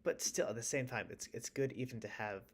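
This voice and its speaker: A man streaming live as a music producer, chatting in a relaxed, rambling way with stammered restarts, still in his morning voice. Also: medium pitch, brisk. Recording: music playing faintly behind.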